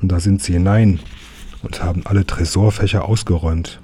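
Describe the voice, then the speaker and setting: A man doing a hushed, gossiping passenger. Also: low-pitched, steady tone, a little fast, husky. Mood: gossipy. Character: chatty male passenger gossiping about a bank robbery.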